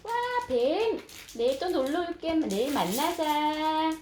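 A woman's voice: high voice, animated, a little slow, darkish tone. A young woman, a mother, reading a picture book aloud to her infant in sing-song baby talk, with frequent coos and exclamations. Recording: echoey room, clear toy and background noise.

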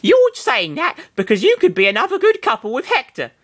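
A man's voice: very high-pitched, huge pitch swings, a little fast, fairly bright tone, voice pushed up, heavily acted. A man voicing a brash, teasing young woman with a pushy manner.

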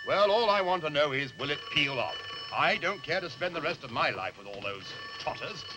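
Brief: actor as a grumbling upper-class gent, animated delivery, 1950s soundtrack. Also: male voice, a little high, a little fast, noisy background, close to an everyday voice. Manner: grumbling, indignant. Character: aggrieved upper-class gentleman. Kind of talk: 1950s film acting.

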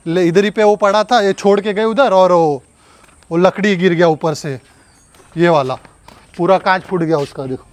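A man's voice: high-pitched, moderate pace. A man staging an angry argument at home, scolding and threatening someone. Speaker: prankster husband.

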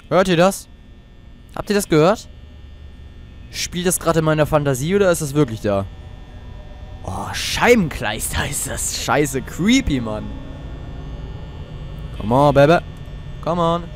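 A man's voice: a little high, animated, unhurried, long pauses, soft background music. A teenage boy playing a horror game, jumpy and swearing often as he talks to his viewers. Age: teens. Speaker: let's player.

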